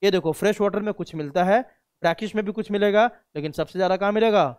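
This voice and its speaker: A man's voice: high-pitched, fast talker, darkish tone, clean tone, no room sound, clean studio sound. A male biology teacher, lecturing a class in a conversational way, asking questions and answering them himself and often checking that students follow. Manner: asks and answers own questions; frequent checks like "samjhe".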